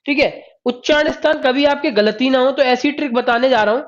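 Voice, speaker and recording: A man's voice: extremely high pitch, a little fast. A male Hindi teacher running a live online exam-prep class, repeating points, quizzing students and praising them by name. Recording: dull lo-fi stream audio.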